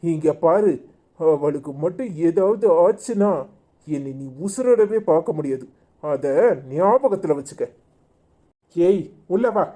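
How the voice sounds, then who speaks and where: A grave young husband with a very dark, mellow tone and a Tirunelveli Tamil accent, as a woman puts him on. He speaks in a cartoon, flat and threatening. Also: on the low side, a little slow, long pauses, pitched below the performer's own voice. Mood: grim. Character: grieving stern young husband.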